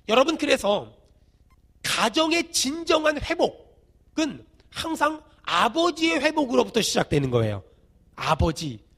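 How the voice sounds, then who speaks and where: Korean pastor preaching with gravelly intensity. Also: male voice. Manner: swings from shouted emphasis to quiet, low asides; leads the congregation in call-and-response. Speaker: senior pastor. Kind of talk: sermon.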